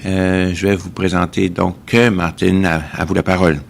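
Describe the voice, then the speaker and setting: Male live interpreter, creaky low voice, technical conference delivery with stop-and-start phrasing. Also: level tone, moderate pace, slight background noise.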